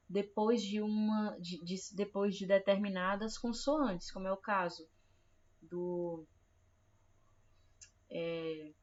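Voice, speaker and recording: A woman's voice: medium pitch, darkish tone, muffled recording. A woman teaching an online primary school Portuguese lesson, patiently reading example words and checking that the children follow. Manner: slow, patient, repeats words and checks with "certo?". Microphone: computer mic, online class.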